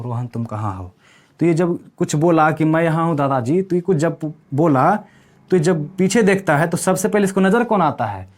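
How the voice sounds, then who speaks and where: Male teacher, classroom lesson, slightly high voice, keeps checking in with the class. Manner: asks the class questions and answers them himself. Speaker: English teacher. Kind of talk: classroom lesson explaining grammar.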